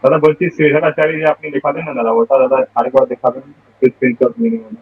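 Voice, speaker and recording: Fast-talking male student on a bad connection. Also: a little high, lively intonation. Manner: asks politely, repeating "dada" often. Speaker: student asking the teacher. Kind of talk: online class question over a call. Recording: dull lo-fi call audio.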